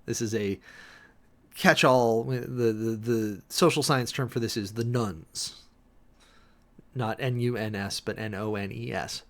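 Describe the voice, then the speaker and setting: Speaking in a fairly low, steady voice, a livestream host who preaches performs a dramatic reading, pausing to comment on it closely. Theatrical and emphatic, he lengthens words, builds into sudden swells and breaks off for wry remarks.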